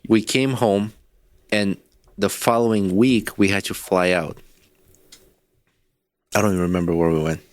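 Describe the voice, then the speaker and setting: A man's voice: low voice, steady tone, measured pace, long pauses, dry recording. A man co-hosting a casual podcast, telling a long story with profanity and frequent laughs. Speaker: podcast co-host.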